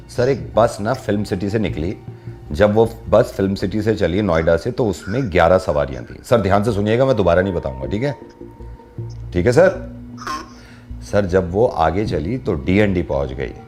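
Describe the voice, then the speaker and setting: A man's voice: sits low, animated, normal speed, darkish tone, soft background music. Teasing male radio prankster. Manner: teasing, chatty storyteller. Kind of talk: playful radio prank call.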